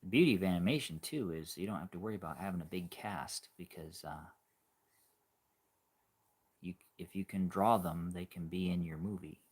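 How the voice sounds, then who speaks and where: A man in his forties chatting casually on a livestream, musing in a halting way and trailing off softly at times. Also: low-pitched, breathy edge. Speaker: animator hosting a livestream.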